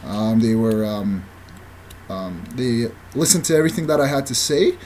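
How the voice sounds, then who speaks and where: A man leaving a voicemail to lodge a formal complaint, halting and full of hesitations. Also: medium pitch, a little mellow, slight background noise. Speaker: caller.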